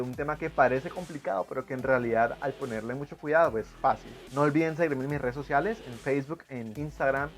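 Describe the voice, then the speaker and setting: A man patiently explaining English grammar as a teacher, spelling words out letter by letter. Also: mid-range voice.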